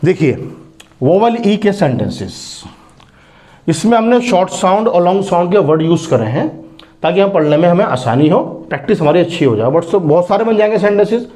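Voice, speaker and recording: A man teaching English phonics, reading example sentences slowly word by word and repeating each vowel sound. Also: high-pitched, lively intonation, warm tone. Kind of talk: phonics lesson.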